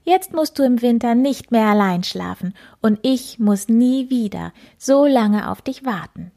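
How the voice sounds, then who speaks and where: A woman voicing a loyal, emotional young hare in a storybook, with a high, pleading voice. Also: animated, measured pace, vocal fry, dark tone, full character voice. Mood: proud.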